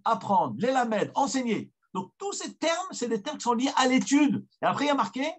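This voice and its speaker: A rabbi teaching a weekly Torah study, his voice set high for a man and carrying a husky edge. He tells the story emphatically and circles back over key phrases to drive them home.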